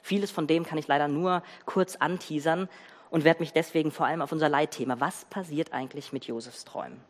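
A preacher giving a sermon, retelling a Bible story with emphatic, animated storytelling and pauses for effect. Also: medium pitch. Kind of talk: sermon with dramatic Bible reading. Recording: reverberant church hall.

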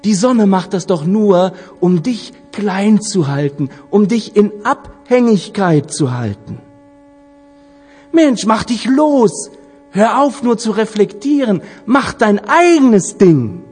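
A scheming neighbor star with a sly, insinuating manner, as a male storyteller puts him on. The voice sits high and swings up and down as he needles and goads. It rings out with a long reverb over faint music. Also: animated, slow, hardly any pauses, dark tone, slightly rough, full character voice. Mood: goading. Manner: wheedling, insinuating, rising to goading.

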